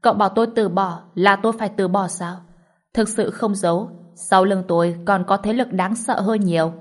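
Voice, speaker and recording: A woman's voice: mid-range voice, steady tone, moderate pace, natural voice. A woman voicing a stern middle-aged male martial master who speaks coldly and threatens. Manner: cold, threatening.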